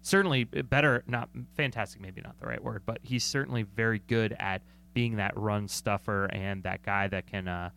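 A man's voice: fairly low pitch, moderate pace, creaky, few pauses, a bit bright, slight background noise. A man co-hosting a sports talk show, analyzing football in a chatty, joking way and often correcting himself mid-sentence. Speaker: sports podcast co-host.

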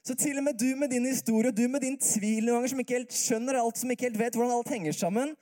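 A man delivers a sermon in an easy, conversational manner rather than a shouting one. His voice is warm and mellow. He keeps turning to his listeners with rhetorical questions. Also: very high-pitched, steady tone. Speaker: preacher.

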